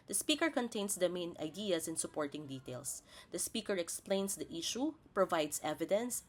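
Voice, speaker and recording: Against slight background noise, a low-voiced woman narrates a scripted lesson. She teaches in a didactic style, going through each point step by step.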